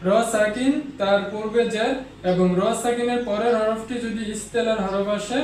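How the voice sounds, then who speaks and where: A man with a high voice teaches Quran recitation rules online, numbering each rule and repeating the example words slowly. He sits a little back from the mic. The room around him rings with echo. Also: steady tone, darkish tone, recorded from a distance.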